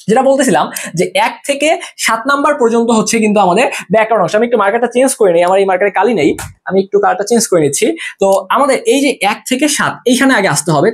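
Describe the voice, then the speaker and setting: Rapid, chatty exam tutor, mid-range pitch, casual lesson. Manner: rapid, chatty, asks and answers own questions.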